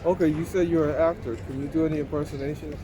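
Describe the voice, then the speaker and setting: A man's voice: on the high side, fairly even intonation, fast. A man asking plain, informal questions as the interviewer in a casual street interview. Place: outdoors in a city park. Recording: outdoor city noise, passing traffic.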